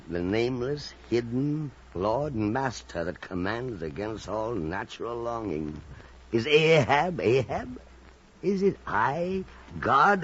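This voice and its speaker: Brooding old whaling captain, slow theatrical delivery, gravelly, haunted, noisy vintage radio play recording. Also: male voice, medium pitch, highs cut off. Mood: anguished. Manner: theatrical, halting, repeating phrases. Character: obsessed, weary old whaling captain Ahab, brooding and tormented. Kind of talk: old time radio drama acting.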